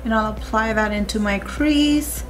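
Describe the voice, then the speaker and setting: A woman's voice: fairly high pitch, a little slow, faint music behind. A young woman chatting to her viewers as she walks through a makeup tutorial step by step. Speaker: beauty vlogger. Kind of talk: casual makeup tutorial chat.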